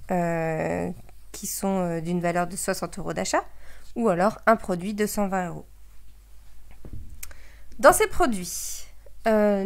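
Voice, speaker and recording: Woman, craft product demonstrator, casual and hesitant, lots of fillers, addresses viewers directly. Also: mid-range voice. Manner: hesitant, many filler sounds and restarts.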